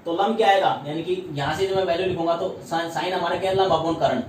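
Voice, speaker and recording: A man's voice: a little high, steady tone, fast talker, a little hiss or hum. A man teaching maths in a Hindi-accented classroom lesson, who repeats terms and keeps asking rhetorical questions. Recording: echoey room, voice from far off.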